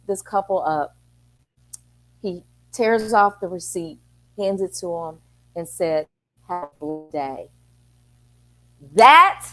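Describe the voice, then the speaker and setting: A woman's voice: mid-range voice, darkish tone. A middle-aged woman, a city council member and parent, talking earnestly on a talk show and acting out the exchanges she quotes. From Texas.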